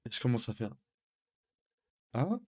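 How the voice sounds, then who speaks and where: A young man telling a personal anecdote on a live stream in a casual, slangy, animated way, often calling his listeners brothers. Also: medium pitch, measured pace.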